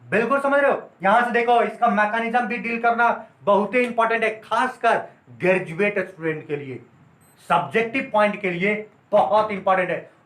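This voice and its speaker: A high-voiced man teaches chemistry at a whiteboard and keeps asking whether his students follow. He explains with playful everyday stories and slows right down to dictate notes. The sound is roomy and echoey. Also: fairly bright tone. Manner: repeatedly checks students follow.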